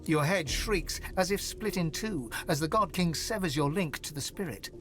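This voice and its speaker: Fantasy game narrator: solemn, measured storytelling, slightly high male voice, music clearly underneath. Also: expressive, fairly bright tone. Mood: grave, dramatic. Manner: grave, measured, literary. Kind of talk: dramatic scripted fantasy narration.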